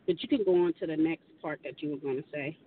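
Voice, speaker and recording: A woman's voice: deep voice, fast, husky, far from the mic, narrow, tinny audio. A woman co-hosting a radio talk show, speaking earnestly and at length, often restarting her sentences.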